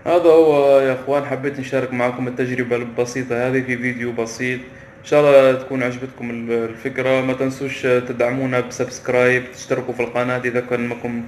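A man's voice: medium pitch, gravelly, a little hiss or hum. A man, talking casually to camera in a vlog and often stopping mid-phrase to search for a word. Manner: halting, often stops to search for words. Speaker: vlogger. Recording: roomy echo with faint ambience.

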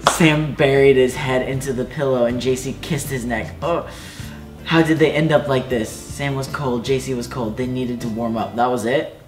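A man's voice: medium pitch, steady tone, normal speed. A young man reads aloud in a mid-range voice, dry and embarrassed, getting hammy on the quoted lines. The room is echoey, with a faint music bed behind. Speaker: guest friend. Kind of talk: comedic reading aloud. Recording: roomy echo, faint music.

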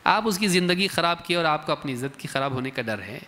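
Guy giving a religious lecture, bright tense voice, big echoey mosque hall sound. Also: a little high, quick pace. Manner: colloquial, lively, acts out parent and child exchanges. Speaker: Islamic scholar giving a parenting talk. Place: large mosque hall, indoors.

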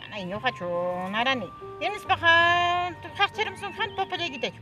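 A rural Andean mother, played by a woman, protective and agitated. Her voice sits very high and runs quick. Music plays under her, in a homemade drama style. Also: lively intonation. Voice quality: high, quick, mixing Quechua and Spanish. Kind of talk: amateur drama acting. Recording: music bed behind.

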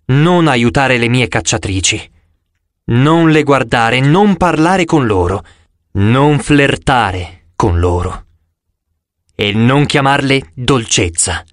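A man's voice: mid-range voice, expressive, no room sound, clean studio sound. Man voicing a stern, commanding goddess. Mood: scolding. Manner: slow, firm, scolding.

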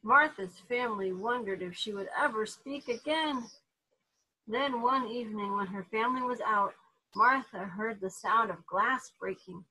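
A woman reading a children's storybook aloud with animated delivery, putting on voices for the characters. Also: on the high side, a little slow, breathy edge, low-quality recording. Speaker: therapy dog handler reading to kids.

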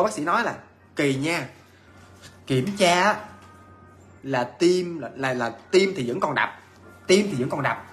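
A man's voice: a little high, fairly bright tone, slight background noise. A man telling a ghost story in a casual, chatty way, repeating himself with many fillers and restarts.

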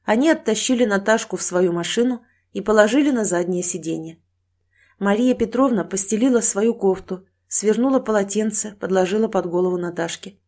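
A woman's voice: mid-range voice, fairly quick, a little mellow. A woman narrating a dramatic audiobook in scripted storytelling style.

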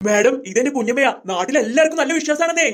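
A sly village henchman, as a performer puts him on, fast-talking and eager for cash. He fawns over his boss and turns gruff with his aunt. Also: sits high, animated, pitched above the performer's own voice. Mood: fawning. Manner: fawning to the madam, rough with his aunt.

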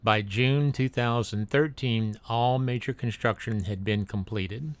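Here a man narrates a drone video in a medium-pitched, unhurried voice, reading factual text aloud. Now and then he slips and starts a line over.

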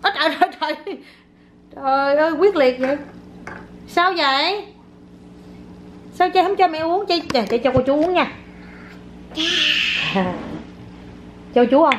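High-pitched mother, playful and exclamatory, filmed on a phone in a noisy kitchen. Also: a little slow, long pauses. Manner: playful, teasing, full of exclamations. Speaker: mother filming her child. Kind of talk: casual home vlog. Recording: noisy home phone recording.

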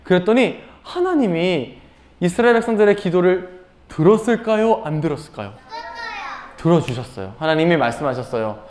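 Lively children's sermon teacher, sing-song questions for little kids, echoey room. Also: mid-range voice, fairly quick, slight background noise. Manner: animated, asks the children questions. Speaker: preschool Sunday school teacher.

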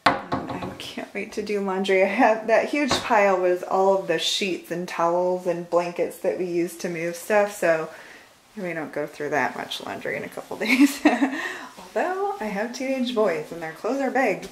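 A woman in her forties with a Michigan accent films a casual home tour vlog, moving through the rooms of her house and chatting as she goes. She laughs often and trails off mid-thought, with an expressive, mid-range voice at a moderate pace. The recording is low quality with slight background noise.

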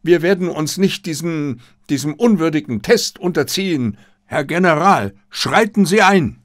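A man voicing a hot-tempered, cornered male diplomat who shouts frantically, in an audiobook. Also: high-pitched, animated, normal speed, vocal fry, breathy edge, pitched above the performer's own voice, full character voice. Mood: indignant.

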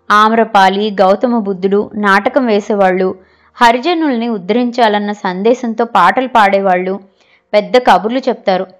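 A woman's voice: medium pitch, lightly acted. A woman voicing a good-natured younger brother who speaks frankly and reassuringly in a storybook reading.

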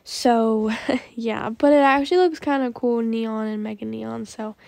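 A woman's voice: a little high, steady tone, measured pace, vocal fry, darkish tone, no echo. A young woman hosting a gaming channel, chatting casually about her game pets and often saying "like" and "um". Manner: chatty, says "like" and "um" a lot.

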